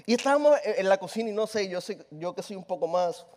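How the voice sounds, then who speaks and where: A man preaching a lively, humorous sermon, telling stories and asking the congregation rhetorical questions. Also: high voice, fast.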